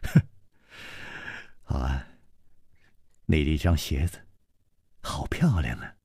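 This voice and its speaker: A male storyteller voicing a playful, teasing young swordsman in a low, soft murmur. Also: sing-song, unhurried, slightly rough, dry recording, studio quality, exaggerated voice. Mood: teasing, tender.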